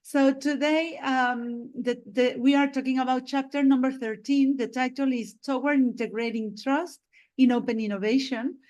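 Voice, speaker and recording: A woman's voice: high voice, steady tone, normal speed, a little mellow. A woman hosting an interview, keen and effusive, with fillers between her questions. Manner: enthusiastic, repeats "this is amazing". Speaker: host. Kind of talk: video-call interview.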